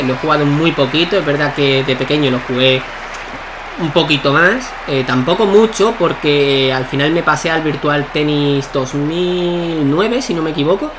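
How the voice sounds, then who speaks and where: A young man giving excitable live commentary while playing a tennis video game, shouting at key points. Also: on the high side, background noise. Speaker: gaming YouTuber.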